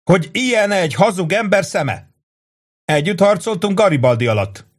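A man reading an audiobook, voicing a loud, joking young soldier who shouts and teases his buddy. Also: high-pitched, expressive, pitched above the performer's own voice. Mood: boastful. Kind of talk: audiobook character voice.

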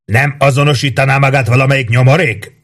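A man voicing a gruff veteran commander who barks scornful orders at exhausted soldiers. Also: mid-range voice, voice pushed up. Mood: commanding. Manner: barking, scornful.

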